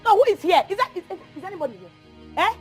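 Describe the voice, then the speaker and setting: A Nigerian woman acting a brash, quarrelsome village woman in a film drama, sharp-tongued and repeating her words. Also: very high-pitched, lively intonation, very fast, faint music behind. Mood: scornful, angry.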